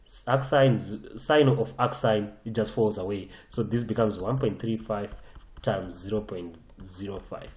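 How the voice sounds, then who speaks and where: A man's voice: on the low side, unhurried, a little mellow, echoey room. A man teaching a physics lesson over a whiteboard, emphatic and often repeating and restarting his phrases. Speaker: physics tutor.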